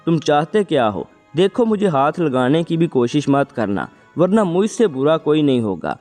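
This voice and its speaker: A man's voice: a little high, sing-song, darkish tone. A man reading the lines of a frightened young woman who cries and pleads, in a storybook reading with faint music behind. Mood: angry. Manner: crying, pleading. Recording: long reverb, faint music.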